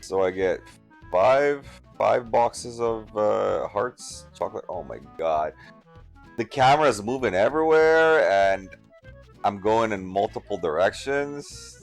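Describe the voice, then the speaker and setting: A man with a lowish voice giving casual, excitable commentary on a game he is playing. He thinks aloud and reads out chat messages. Soft music plays faintly behind him. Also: slow, creaky. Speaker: gaming streamer.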